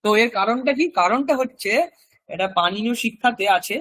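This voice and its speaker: A man leads a recorded language class, explaining things step by step and slowly repeating example words so students can imitate them. His voice sits high with a sharp tone.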